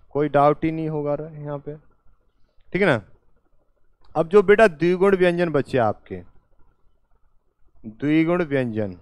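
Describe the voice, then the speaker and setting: Guy teaching at a board, talks real slow, asks then answers himself, smooth fairly high voice. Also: no room sound. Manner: slow and repetitive, quizzing students with questions and answering them himself; calls the viewer "beta" and "my dear". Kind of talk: classroom lesson at a board.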